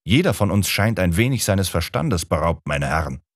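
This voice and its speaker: A man reads the part of a pompous elderly professor who booms and lectures from a voice sitting in the deepest register. He talks down to his listeners, all in a dry, close-miked audiobook sound. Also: very animated, normal speed, breathy edge, no room sound, full character voice. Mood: grandiose. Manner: lecturing, condescending. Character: booming, pompous older male professor. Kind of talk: audiobook character reading.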